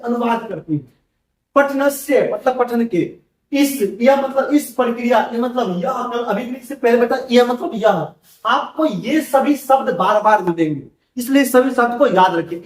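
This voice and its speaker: High-voiced male teacher in an echoey room. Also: far from the mic. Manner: asks rhetorical questions and answers them, repeats key words; reads Sanskrit passages slowly, then explains in Hindi. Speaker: exam-prep teacher. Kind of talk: classroom-style exam lesson.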